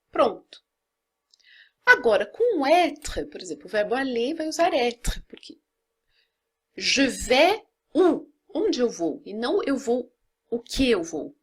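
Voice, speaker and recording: A Brazilian woman with a high, slightly husky voice teaches a grammar lesson. She explains patiently and step by step, often checking in with a quick tag question. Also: a bit bright. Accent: Brazilian Portuguese. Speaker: French teacher.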